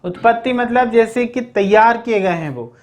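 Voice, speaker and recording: A teacher working through a grammar lesson at a steady, mid-range pitch. The voice keeps posing questions to the students and then answering them. Short reminders to remember each point come up again and again. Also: moderate pace. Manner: repeats check-ins like "okay, remember this". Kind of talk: explaining grammar in a recorded lesson.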